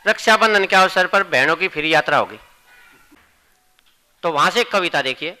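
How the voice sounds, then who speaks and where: A man's voice: sits high, bright, forceful tone, rough recording. A man with a Haryanvi accent reciting humorous poetry at a college gathering and joking with the audience between verses. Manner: joking, chatty asides to the audience. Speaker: poet.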